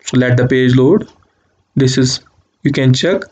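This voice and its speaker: Male channel host, medium-pitched voice-over for a screen tutorial, plain step-by-step instructing. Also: measured pace, darkish tone. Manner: step-by-step instructional, repeats "just click on this". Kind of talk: screen-recorded walkthrough. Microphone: voice-over over screen capture.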